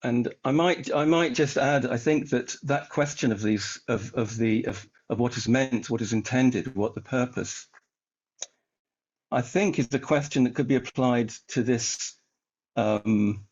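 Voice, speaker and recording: A man moderates an online talk in a measured voice at a middle pitch, circling back over his phrases. The video-call audio comes through slightly muffled. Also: darkish tone. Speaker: series co-host.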